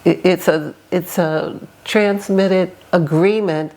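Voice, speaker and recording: An older woman speaking as a guest on a casual podcast. Her voice is low and gravelly with vocal fry. She talks in an earnest, deliberate way and restarts her phrases. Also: fairly even intonation, darkish tone.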